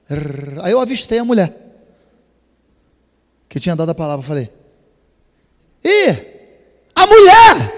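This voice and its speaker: A male preacher telling a story in a sermon, animated and bursting into shouts. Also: a little high, creaky. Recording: reverberant hall.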